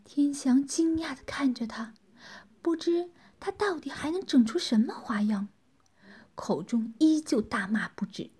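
A woman narrating a story in a soft, hushed whisper. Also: sits high, animated, measured pace.

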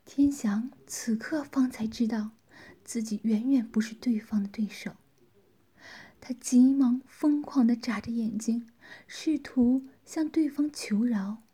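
A woman narrating a story in a soft, hushed whisper. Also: fairly high pitch, slow, breathy edge.

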